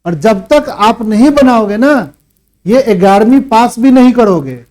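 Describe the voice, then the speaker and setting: In this classroom lecture, a man teaching math speaks with a high, animated voice that is a little slow and darkish in tone. He fires questions at students, scolds them with rhetorical questions, and sternly urges them to put in effort at home.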